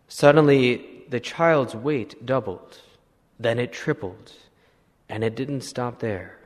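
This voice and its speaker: Male priest, mid-pitched, unhurried sermon storyteller, long reverb around him. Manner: slow, measured retelling with clearing of throat.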